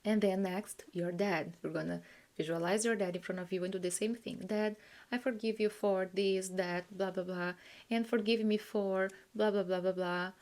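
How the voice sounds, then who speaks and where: A woman coach leading a guided forgiveness visualization, earnest and encouraging, speaking in slow soft phrases that sometimes drop to a whisper. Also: mid-range voice, fairly even intonation.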